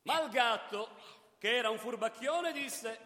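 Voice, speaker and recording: Brief: male storybook narrator, high and lively, expressive, long hall echo. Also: measured pace.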